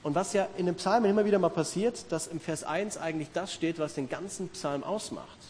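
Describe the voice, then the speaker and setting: Earnest middle-aged preacher in a hall. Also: male voice, fairly high pitch, fairly quick, a little mellow. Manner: earnest, conversational, rhetorical questions to the listeners. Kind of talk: sermon. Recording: reverberant hall with faint hiss.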